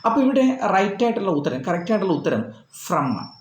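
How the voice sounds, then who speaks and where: Male English tutor, Malayalam accent, animated and repetitive delivery, echoey room. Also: sits high, fast. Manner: repeats and rephrases points, fillers, explains patiently. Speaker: English teacher for exam prep. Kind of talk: explanatory lesson.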